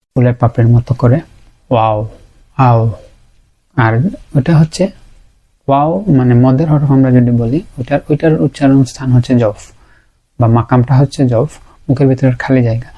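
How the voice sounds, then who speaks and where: A man's voice: mid-range voice, warm tone, lo-fi sound. A man teaching Quran pronunciation in a lesson, patiently repeating each sound to show it. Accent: Bangladeshi Bengali. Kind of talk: explanatory lesson.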